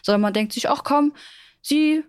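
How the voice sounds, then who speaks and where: A woman co-hosting a podcast, talking in a lively, encouraging way and often backing up her partner with short "mhm"s. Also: high voice, normal speed, no echo, studio quality. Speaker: podcast co-host. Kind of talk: casual podcast chat.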